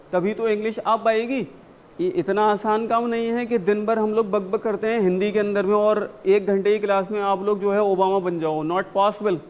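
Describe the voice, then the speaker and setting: A man coaching spoken English in a classroom, mixing Hindi and English, drilling phrases slowly and urging students to read with energy. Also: sits high, darkish tone, slight background noise. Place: university classroom.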